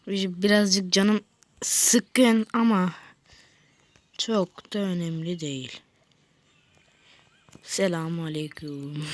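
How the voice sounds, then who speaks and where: A woman giving casual let's play commentary on a mobile game, chatting with viewers and scolding the game in slangy outbursts between quiet mutters. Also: lowish voice, no room sound. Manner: chats with viewers, drifts into mutters and whispers. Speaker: gaming video creator.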